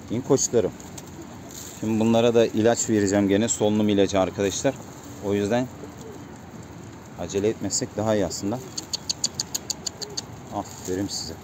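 A man with a lowish, slightly mellow voice chats casually with his vlog viewers from his pigeon coop, repeatedly calling out to coax his birds. Pigeons coo in the background, and there's a little background noise.

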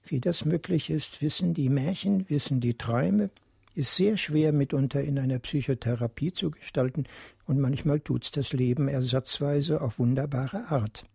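A man explaining ideas on a radio talk show in a reflective, articulate way. His voice is gravelly and mellow, slightly husky, recorded close and dry. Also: medium pitch, normal speed, dry recording. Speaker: expert guest.

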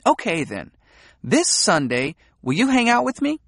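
A man's voice: sits high, measured pace, slightly rough, dry recording, studio quality, pitched above the performer's own voice, full character voice. A man reading an audiobook, voicing a frank, playful young woman who teases and provokes. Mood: eager. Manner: teasing, provocative, animated.

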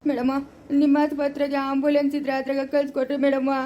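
A woman doing a frantic village father who pleads in tears, with a rural Chikkaballapura Kannada accent. The voice is high and flat and the pleas come fast. A faint hiss runs under it. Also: highs cut off, close to an everyday voice. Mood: begging. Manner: pleading, tearful, begging. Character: distraught village father pleading for his son.

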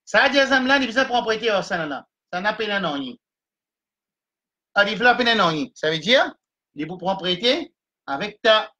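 Bright-voiced man teaching slow Quran reading. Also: sits high, very animated, rough recording. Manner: spells out letters and vowel marks, then blends them slowly. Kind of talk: slow letter-by-letter reading lesson. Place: home, livestream.

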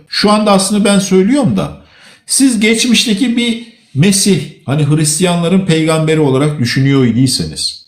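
A man's voice: on the high side, roomy sound. A man hosting a live religious debate, lecturing and arguing, repeating words for stress. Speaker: host.

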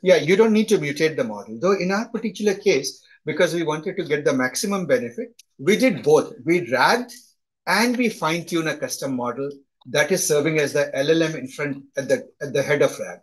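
A middle-aged instructor with a thick Indian accent teaches a live online class over a video call, his voice fairly high, lively and fairly quick. He keeps things chatty and conversational, often tagging his points with "right?". The audio quality is poor.

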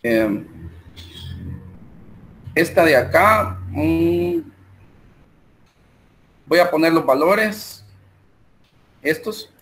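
A man's voice: fairly high pitch, huge pitch swings, creaky. A man with a Salvadoran Spanish accent teaching an online math class, walking through calculations and a spreadsheet step by step with frequent fillers. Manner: talks slowly while working through numbers and software, with many fillers.

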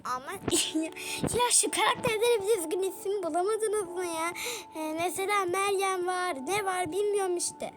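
A woman's voice: very high voice, measured pace, music in the background. A woman giving casual let's-play commentary, chatty and exclaiming as she talks to her viewers. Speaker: gaming YouTuber.

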